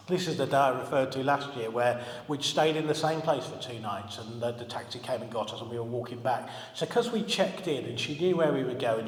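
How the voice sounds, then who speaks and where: Man, 40s, preaching, chatty and humorous, fairly high voice, echoey church hall. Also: a little hiss or hum. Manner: chatty, humorous storytelling, asks the congregation questions. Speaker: minister. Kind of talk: sermon. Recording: echoey hall, long reverb.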